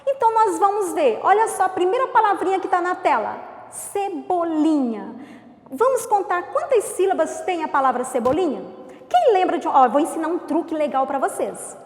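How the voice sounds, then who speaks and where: A woman with a Brazilian accent, teaching a remote class to young children in a slow, sing-song way, stretching out syllables. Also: very high voice, sing-song. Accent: Brazilian Portuguese. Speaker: primary school teacher. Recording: echoey room with long reverb.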